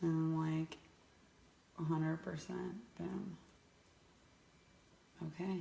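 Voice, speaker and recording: Casting: thirties woman, low-ish voice, loose rambling demo talk, echoey home room. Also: flat delivery, very slow, gravelly, dark tone, slight background noise. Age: 30s. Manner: rambling, talks to viewers as ladies. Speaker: makeup artist co-host. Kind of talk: casual makeup demo chat.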